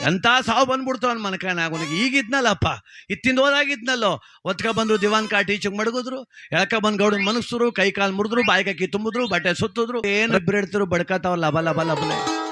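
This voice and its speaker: A man telling a comic village folk story in a lively, chatty way. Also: high voice, brisk, music in the background. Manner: lively, chatty, addresses listener.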